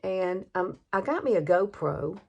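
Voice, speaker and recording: A woman in her sixties with a Southern US accent films a makeup tutorial on her phone in her bedroom, with no external mic, so the sound is muffled. Her medium-pitched voice is expressive and creaky, and she talks at a measured pace. This beauty vlogger is chatty and folksy and laughs often.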